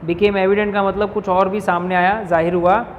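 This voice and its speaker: Guy teacher w a high voice going thru an english lesson, reads each line slow then explains, bit of faint hiss. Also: little pitch movement, muffled recording. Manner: keeps checking in with "ठीक है". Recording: reverberant room with faint noise.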